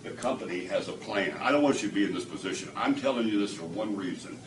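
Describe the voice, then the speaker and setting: A man's voice: on the low side, fast. A man telling his testimonial to a small audience, acting out the dialogue and laughing often. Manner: animated storyteller, acts out quoted dialogue, laughs often. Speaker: testimonial speaker at a product demo. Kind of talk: storytelling testimonial to a live audience. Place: indoor room with a small audience. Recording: echoey room from a distance, audible background noise.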